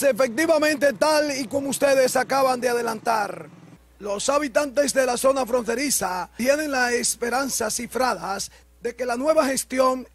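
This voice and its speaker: A middle-aged man with a Dominican accent, giving a measured, formal news report on a town street into a handheld mic. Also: extremely high pitch, husky, no echo. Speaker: field reporter.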